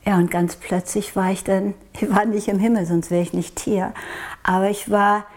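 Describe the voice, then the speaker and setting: A woman's voice: medium pitch, steady tone, normal speed. A woman from Norway recounting a personal experience in an interview, speaking hesitantly and reflectively, often searching for words.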